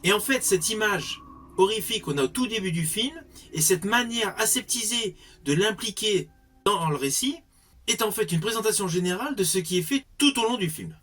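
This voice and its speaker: A man's voice: sits high, expressive, moderate pace, sharp tone. A man giving a spoken film review in an articulate way with formal wording.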